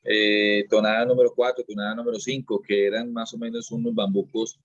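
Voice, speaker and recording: A man's voice: fairly low pitch, flat delivery, fairly quick, no room sound, highs cut off. A man, a dance teacher being interviewed, explaining at length in a casual way and often restarting and repeating his words.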